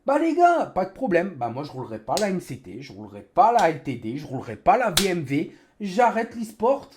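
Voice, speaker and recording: A raging gamer man rants on his livestream in an indignant, sarcastic way. His intonation is lively and swings widely, and he repeats phrases for emphasis. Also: high voice, fairly quick, slight background noise. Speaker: livestreamer, sim racing gamer. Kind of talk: angry livestream rant.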